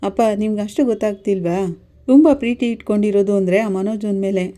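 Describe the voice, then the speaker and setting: A wisecracking younger son who jokes even at serious moments, as a woman narrator puts him on. Mellow and dark, read close to her own voice. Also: mid-range voice, fast, natural voice. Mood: teasing. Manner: teasing, wisecracking. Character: joking, teasing younger son.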